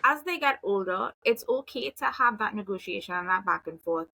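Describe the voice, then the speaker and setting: Woman, behavioral analyst guest, calm measured explaining, vocal fry, dry room. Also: mid-range voice, no room sound, low-quality recording. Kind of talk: explanatory conversation.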